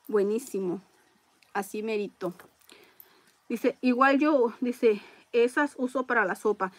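A woman hosting a casual live-stream raffle, chatting along and reading viewer comments out loud. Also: fairly high pitch, takes it slowly.

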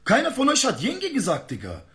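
A man's voice: extremely high pitch, wildly swooping pitch, a little fast, fairly bright tone. A man ranting heatedly in a live-stream argument, full of street slang.

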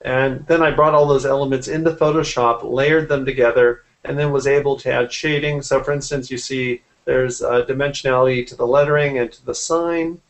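Interviewed by video call from home, a graphic artist in his forties describes his work casually. He talks briskly with few pauses in a steady, mid-range voice, and the sound comes through his computer's mic.

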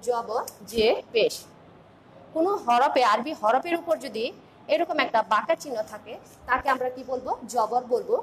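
A woman's voice: on the high side, slight background noise. A woman teaching an online class with a Bangladeshi Bengali accent, calling out letters one by one and asking her pupils questions as she goes. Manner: slow, drilled recitation of letters with questions to pupils.

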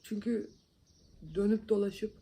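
Speaking slowly in a warm, slightly rough, monotone voice of medium pitch, a young woman from Van, Turkey, does her makeup at home. This beauty vlogger keeps up a chatty, joking, self-deprecating banter with her viewers in a casual indoor vlog.

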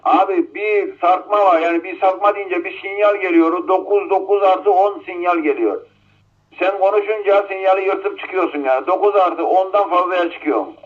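A man's voice: high voice, moderate pace. Guy talking casually on cb walkie talkie, kinda far away, muffled noisy radio. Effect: heard over a CB walkie-talkie. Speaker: CB radio operator.

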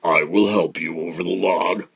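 Man voicing a sly storybook alligator, deep, husky, slow coaxing drawl. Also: steady tone, fairly bright tone, muffled recording, heavily acted. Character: big hungry male alligator, sly and menacing. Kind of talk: storybook reading.

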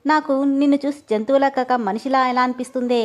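A cheeky young man who keeps ribbing his friend with a grin in his voice, read by a female storyteller. The voice stays fairly high and light and plays every jab as a joke. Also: fairly even intonation, quick pace, close to an everyday voice. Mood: teasing. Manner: mocking and playful. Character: teasing, joking young man.

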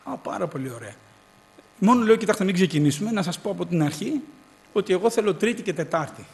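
A man preaching a sermon, telling a personal story with acted dialogue and building to loud exhortation. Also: high voice, lively intonation, vocal fry.

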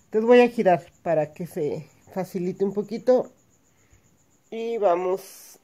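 This embroidery teacher has a medium-pitched, dark voice and never rushes. Her lesson is patient and methodical, with each stitch explained as she works it by hand.

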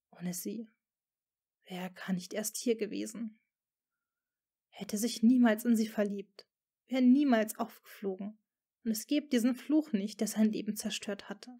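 A woman's voice: mid-range voice, warm tone. A woman reading a fan-fiction story aloud as dramatic audiobook narration.

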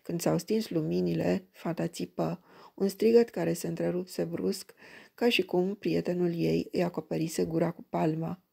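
A woman reading a crime story aloud in an even, measured way. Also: on the low side, creaky, husky. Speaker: audiobook reader.

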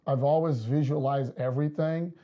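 A man, a soccer coach explaining his methods in an interview, measured with many fillers. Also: a little high, fairly even intonation, muffled recording. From Portugal. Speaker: girls' soccer coach, guest. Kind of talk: casual interview talk. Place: studio set with wood backdrop.

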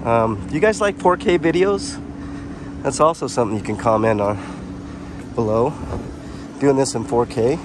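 A man's voice: mid-range voice, moderate pace, pauses often. A man filming a casual walking vlog outdoors on a city sidewalk, rambling and chatting directly to his viewers on a handheld camera mic. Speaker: vlogger. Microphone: handheld camera mic while walking. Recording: street traffic noise behind. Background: traffic.

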